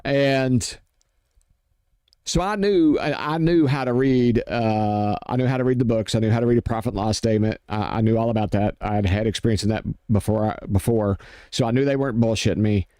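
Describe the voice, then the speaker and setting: A man's voice: mid-range voice, brisk, mellow, clean tone, no room sound. A blunt man rants in a heated, casual way and swears freely. He acts out both sides of each argument in quoted voices. The sound is dry and close, with no room around it. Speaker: streamer ranting on workplace issues. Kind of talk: casual rant.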